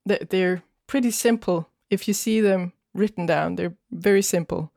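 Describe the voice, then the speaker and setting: A woman from Denmark, a guest musician in an interview, speaking thoughtfully with frequent pauses and fillers. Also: on the low side, vocal fry, darkish tone, no room sound, clean studio sound. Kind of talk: casual interview chat.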